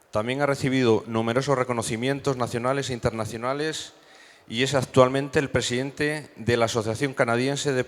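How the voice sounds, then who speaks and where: A man opening an event and reading a guest's biography aloud, with small stumbles. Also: mid-range voice. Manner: reads a prepared bio aloud with small slips. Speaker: event organizer introducing a speaker. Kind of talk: reading a speaker introduction.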